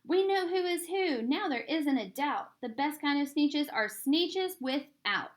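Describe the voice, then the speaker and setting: A woman voicing a proud, excitable, snooty storybook creature who declares things emphatically. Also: sits high, measured pace, pitched above the performer's own voice. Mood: snooty, triumphant. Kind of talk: storybook character voice.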